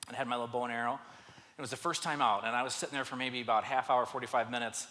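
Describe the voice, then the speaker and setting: A middle-aged man telling self-mocking stories, animated, to a live audience at a men's church event. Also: mid-range voice, rapid-fire. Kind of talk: storytelling talk to a live audience. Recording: live hall with long reverb.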